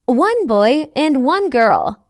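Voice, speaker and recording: A friendly woman learner in a scripted practice dialogue, read by a woman. Her voice is high and lilting, with a wide swing in pitch. She speaks very slowly and shapes each word with care. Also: sing-song, darkish tone, no room sound, studio quality, heavily acted. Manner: slow, carefully enunciated, each line said twice. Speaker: dialogue reader.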